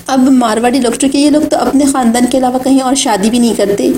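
A woman's voice: sits high, fairly even intonation, dark tone, slight background noise. A woman giving an Islamic lecture, speaking in an earnest, exhorting way. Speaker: religious speaker. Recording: echoey room.

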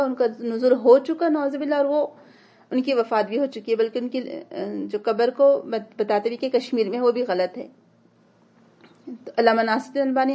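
A woman's voice: on the high side, a little mellow. Earnest woman teaching a religious class. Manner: earnest, explanatory, urging.

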